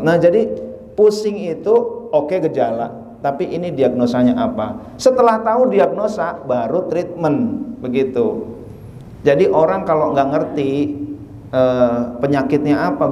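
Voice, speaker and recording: A man's voice: a little high, darkish tone. A man giving a chatty sermon at a study gathering, joking and acting out little dialogues. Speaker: preacher. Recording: echoey hall from far off.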